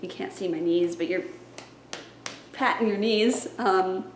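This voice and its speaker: A young woman who works as a children's librarian walks viewers through her story time plans, speaking at a measured pace in a mid-range voice. She's playful, breaking into chanted rhymes and songs. The room is echoey and noisy, with faint music in the background.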